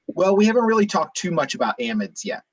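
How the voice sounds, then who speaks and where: A man teaching an online chemistry class, explaining step by step in a relaxed way, thinking aloud. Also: sits high, fast, husky, dry recording, dull audio.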